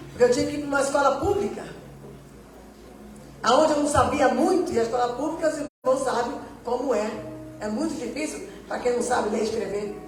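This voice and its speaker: Woman, missionary preacher, testimony sermon, acts out dialogue, very echoey church hall, soft music underneath. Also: sits high, distant mic. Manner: storytelling, acting out quoted dialogue.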